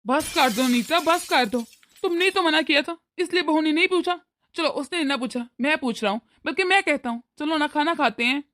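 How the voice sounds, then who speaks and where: Woman doing a weary old cartoon father-in-law, high-pitched, soothing and pleading. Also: moderate pace, fairly bright tone. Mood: placating. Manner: pleading, placating. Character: weary older father-in-law, calm peacemaker. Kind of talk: cartoon voice acting.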